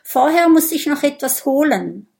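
Storybook vampire boy, young and jittery, read by a woman, voice lifted high. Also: expressive, moderate pace, creaky, darkish tone. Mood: flustered. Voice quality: raised, boyish voice. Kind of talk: audiobook character voice.

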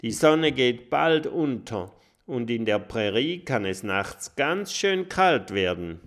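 A man's voice: medium pitch, very animated, slow pace. A man voicing a cautious young female animal friend in a children's audiobook, sounding worried and sensible.

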